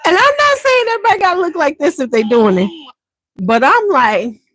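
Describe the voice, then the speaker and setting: A woman's voice: very high voice, sing-song, a little fast, fairly bright tone, dry recording. Chatty woman hosting a beauty livestream. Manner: chatty, slangy, talks straight to viewers. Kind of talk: casual livestream chat.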